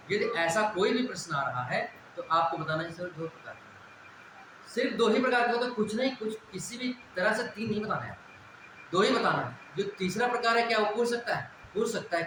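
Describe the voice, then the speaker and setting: A male teacher giving a classroom lecture, asking questions and answering them himself and repeating the key points. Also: high-pitched. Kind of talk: classroom lecture on Hindi grammar. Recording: very echoey room with background noise.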